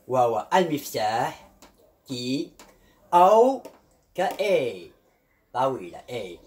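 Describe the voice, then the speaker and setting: A man with a fairly high voice, teaching pronunciation in a patient step-by-step way. His pitch swings widely. It leaps up on each drawn-out example word and drops low as he explains. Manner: repeats each example word several times, drawing out the sounds. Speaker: English teacher. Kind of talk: slow explanatory language lesson.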